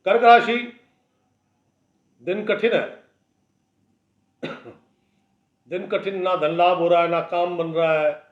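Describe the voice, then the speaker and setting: A man's voice: sits high, fairly even intonation, slow, long pauses. Blunt astrologer man, echoey lo-fi. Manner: blunt, warning, conversational lecturing. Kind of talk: daily horoscope talk. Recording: echoey room, dull lo-fi sound.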